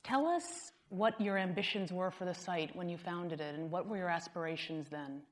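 A woman moderates a conversation on stage in front of a live audience. Her voice is on the lower side, and she asks friendly, inquisitive questions that guide her guest forward. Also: moderate pace. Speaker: interview moderator. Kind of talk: onstage interview hosting.

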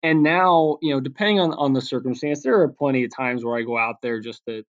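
A man, a pitching coach, explaining his approach in a casual interview, talking at length with frequent fillers and restarts. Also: brisk, highs cut off. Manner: talkative, many restarts and fillers.

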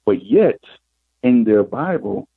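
Husky middle-aged man over a phone line. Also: lowish voice, sing-song, no room sound. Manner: unhurried, reflective, retells scenes with quoted dialogue. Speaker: psychic guest. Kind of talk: personal storytelling in an interview.

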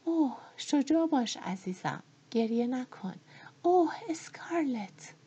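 A gentle, kind young woman speaks in a soft, soothing half-whisper, as a woman puts her on. Her raised voice is warm and a little husky. It reaches the ear through a dull, lo-fi recording. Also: sits high, expressive, voice pushed up.

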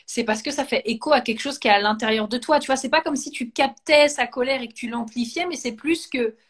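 A woman's voice: a little high, a little fast. A woman in casual conversation, thinking aloud with many fillers and restarts. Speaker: coach and host. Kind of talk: casual conversation, live video.

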